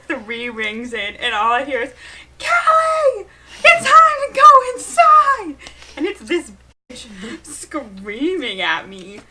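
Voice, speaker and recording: Bright-voiced young woman telling stories. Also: on the high side. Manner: lively, lots of "like", laughing through stories. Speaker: co-host, sister. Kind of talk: casual storytelling chat.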